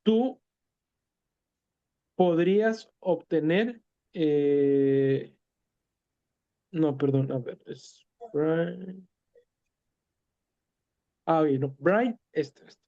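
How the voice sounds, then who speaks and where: A man's voice: fairly high pitch, extremely slow, long pauses. A man teaching an English lesson in Spanish. He explains patiently, repeats and translates words step by step, and often hesitates and corrects himself. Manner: many hesitations and self-corrections. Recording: dull lo-fi recording.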